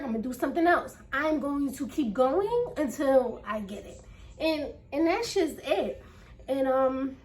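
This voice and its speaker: A woman talking casually in her first vlog. She is earnest and a bit nervous, slightly out of breath, and repeats herself with plenty of fillers. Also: high-pitched. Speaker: vlogger. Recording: voice a little distant from mic.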